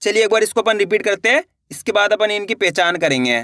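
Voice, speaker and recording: A man teaching beginners to read Hindi, slowly sounding out each letter and asking his students to repeat after him. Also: high-pitched, pushed and bright, dry recording, clean studio sound. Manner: drawn-out, repeats sounds and asks learners to repeat. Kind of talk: step-by-step beginner lesson.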